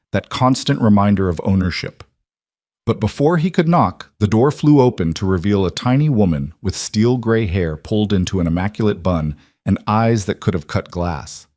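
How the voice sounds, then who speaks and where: A male narrator reading fiction aloud in a steady, measured manner, his voice sitting low. The recording is dry and close, with no room sound behind him. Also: no echo. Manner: even, measured storytelling. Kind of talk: scripted audiobook narration.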